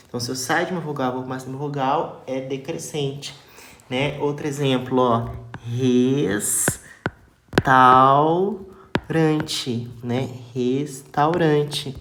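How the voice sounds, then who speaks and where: A teacher with a Brazilian accent giving a grammar lesson, slowly and patiently repeating each example word and asking the class for answers. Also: medium pitch. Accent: Brazilian Portuguese. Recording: echoey room with steady background noise.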